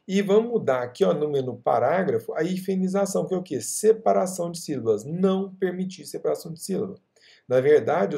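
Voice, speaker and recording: Gravelly man teaching software. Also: a little high. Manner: chatty, checks in often with the viewer. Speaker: software instructor. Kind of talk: screen-recorded software tutorial.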